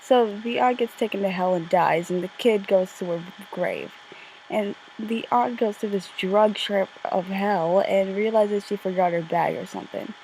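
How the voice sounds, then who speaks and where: A woman speaks from under a blanket in a bedroom, with faint noise on the amateur recording. Her delivery is deadpan and a little bored, with a medium pitch. She narrates casually like a homemade video, poking fun at herself and tripping over words now and then. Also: moderate pace, rough recording. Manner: deadpan, slightly bored-sounding; self-deprecating, stumbles over words. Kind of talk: casual scripted commentary, childhood reminiscence.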